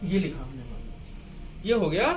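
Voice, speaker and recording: A man's voice: on the high side, very animated, unhurried, over music. A man teaching a Hindi grammar lesson at a board. He asks and answers his own questions and repeats key words. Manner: writes and erases on a board while explaining.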